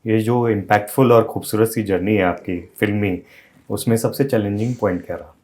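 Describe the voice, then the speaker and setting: A man's voice: lowish voice, fairly even intonation, a little fast, a little mellow. A male interviewer asking brief, prompting questions and giving short acknowledgements.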